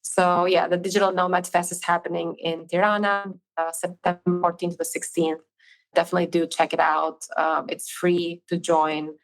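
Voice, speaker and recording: A woman's voice: lowish voice, little pitch movement, normal speed, faint music behind, low-quality recording. A woman from Albania, a podcast guest, speaking directly and emphatically over a video call in a casual interview. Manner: direct, emphatic about her views.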